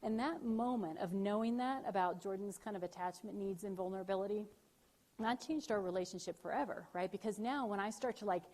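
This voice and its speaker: Brief: woman lecturer, chatty, animated storytelling, mid pitch, asks "right?" often. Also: a little fast. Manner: chatty, frequent "right?" check-ins, animated retellings. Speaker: university lecturer. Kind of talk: lively campus talk. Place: event room.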